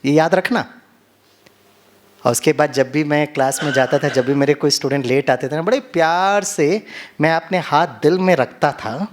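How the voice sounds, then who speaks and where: A middle-aged man giving an animated seminar talk to doctors in a conference hall, mixing Hindi and English and acting out quotes. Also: a little high, normal speed. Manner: audience call-and-response. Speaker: motivational trainer.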